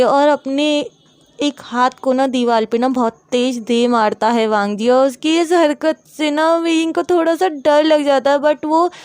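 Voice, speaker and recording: A woman's voice: high-pitched, darkish tone, no echo, studio quality. A woman retelling a romance story in a chatty, casual way, sprinkling in filler words and English terms. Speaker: fan fiction storyteller.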